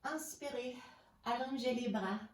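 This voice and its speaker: A woman leading a pilates class, calmly counting reps and giving breathing cues. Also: fairly high pitch, a little slow. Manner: calm counting and breath cues, mixing in English phrases. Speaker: pilates instructor. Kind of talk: guided workout instruction. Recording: roomy, mic at a distance, faint background hiss.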